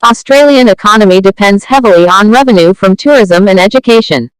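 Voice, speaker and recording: Male reader, high pitch, dictating test sentences, dry studio-like sound. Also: brisk, clear, resonant tone, no room sound, low-quality recording. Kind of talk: dictating practice sentences, read aloud.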